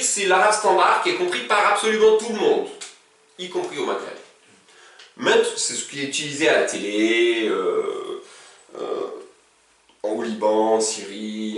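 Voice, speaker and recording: An Arabic teacher gives an informal language lesson, reciting verb conjugations one after another. His voice is a little high and a bit bright, and he speaks from away from the mic in a very echoey room.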